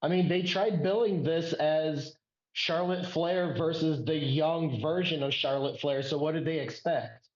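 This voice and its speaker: A man co-hosts a wrestling podcast over a remote call, giving blunt, opinionated takes in a casual wrestling discussion. His voice is a little high and unhurried, and he's direct. The recording sounds roomy and muffled.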